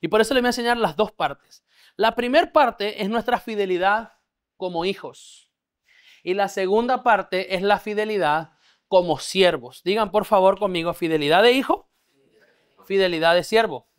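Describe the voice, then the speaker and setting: A pastor with a high-pitched, clear and resonant voice preaches a discipleship sermon at a normal speed. Teaching a live church congregation, he keeps checking that they follow and leads them in call-and-response, having them repeat words back to him.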